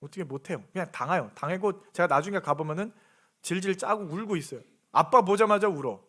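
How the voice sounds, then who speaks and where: A man's voice: high-pitched, a little fast, fairly bright tone. A man preaching a sermon as pastor of his church, earnest, with repeated rhetorical questions to the congregation. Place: church sanctuary.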